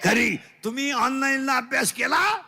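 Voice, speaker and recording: High, bright-voiced Marathi preacher. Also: male voice, animated, moderate pace, vocal fry, a little hiss or hum. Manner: loud, teasing, quizzes the crowd in call-and-response; mixes broken English lines into the sermon. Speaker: kirtan preacher. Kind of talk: comic devotional sermon.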